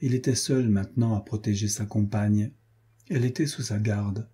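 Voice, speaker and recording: A man reading a swashbuckling novel aloud as an audiobook narrator, in a measured, expressive way. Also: fairly low pitch, breathy edge. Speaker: audiobook reader. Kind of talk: scripted narration.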